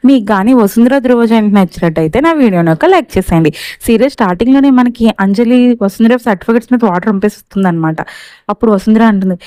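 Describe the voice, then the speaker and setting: A woman's voice: on the high side, fast talker, mellow, no room sound. Chatty woman recapping a serial. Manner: friendly, chatty. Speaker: serial reviewer. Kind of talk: casual episode recap.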